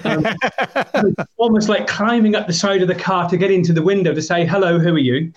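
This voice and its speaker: An English man in his fifties talks as a podcast guest. He tells his stories in a rambling, hesitant way, full of ums. His voice sits slightly high and sounds dull and lo-fi. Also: brisk, a little hiss or hum. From England. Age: 50s. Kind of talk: storytelling in a podcast interview.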